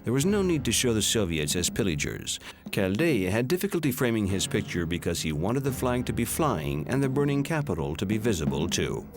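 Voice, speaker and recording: A man giving measured, solemn scripted narration for a documentary. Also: fairly low pitch, very animated. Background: music.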